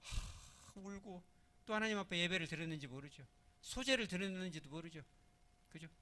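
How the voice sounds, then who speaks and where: A man preaching a sermon as pastor, talking with his congregation, asking questions and answering them himself, moving between loud stressed words and hushed phrases. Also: high-pitched, expressive, moderate pace. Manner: acts out little scenes in other voices; swings from loud emphasis to soft, hushed phrasing.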